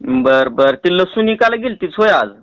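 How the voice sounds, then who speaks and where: Speaking with a rural Marathi accent, this man from Tuljapur, Maharashtra, India, makes a prank phone call, playfully pestering and coaxing his target. His voice sits high and is expressive at a normal pace. It's a close, dry phone recording without room sound.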